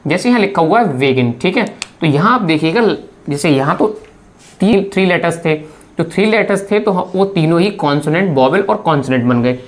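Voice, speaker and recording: Woman, low pitch, grammar teacher, patient step-by-step video lecture. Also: animated, a little fast. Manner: explains step by step, repeats "friends" and "okay" often.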